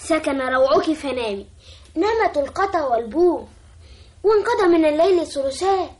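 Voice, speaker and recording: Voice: high-pitched, lively intonation, normal speed, darkish tone. An actor playing a sleepy, irritable young boy in a classical Arabic radio drama, grumbling and sarcastic. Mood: mocking.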